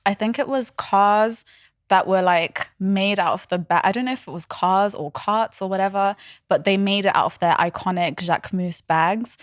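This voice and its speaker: A woman's voice: mid-range voice, moderate pace, dry recording, clean studio sound. A woman guest on a podcast interview, talking casually with frequent "like" and "um" fillers. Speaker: guest, influencer marketing agency founder.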